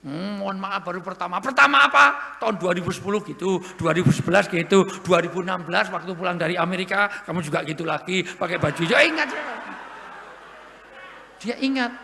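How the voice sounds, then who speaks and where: A man preaching a humorous sermon to an audience, lively and joking, with sudden loud emphasis. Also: high voice, a little fast, vocal fry, a little hiss or hum. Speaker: Islamic preacher. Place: large hall at an event. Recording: echoey hall with long reverb.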